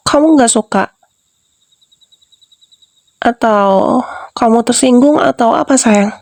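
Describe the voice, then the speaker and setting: A woman's voice: a little high, slow, gravelly, a little mellow, no room sound, heavily acted. A young woman voicing a clingy, manipulative wife in an ASMR role-play, doting at first and then questioning and defensive.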